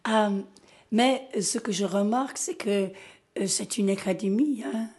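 Scottish lady presenting in french w/ a foreign accent, english is her first language, slow and halting, hunting for words. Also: medium pitch, a little mellow. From Scotland. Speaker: invited guest speaker. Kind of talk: informal presentation to colleagues.

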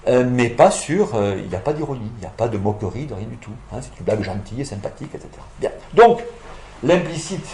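A male lecturer works through an academic argument, pausing on fillers and correcting himself as he goes. His voice sits at a middle pitch. The sound is roomy and echoing, as in a lecture room. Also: lively intonation, warm tone, slight background noise. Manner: hesitant, many fillers and self-corrections, explanatory.

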